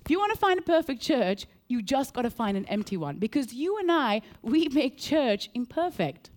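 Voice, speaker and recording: A woman from Sri Lanka preaching a sermon, earnest and animated, repeating key phrases and telling a story. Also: high-pitched, normal speed.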